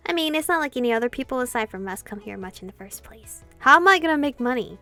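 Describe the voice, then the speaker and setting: Over game music, a woman running a gameplay channel reads dialogue aloud and reacts expressively, swearing freely. She talks quickly in a fairly high voice.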